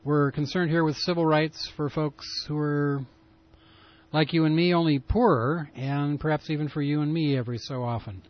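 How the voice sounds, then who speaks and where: A man's voice: fairly high pitch, steady tone, moderate pace. A man hosting a pirate radio broadcast in casual, rambling talk full of fillers, with a lo-fi broadcast sound. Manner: rambling, loose delivery with many fillers. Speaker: radio show host.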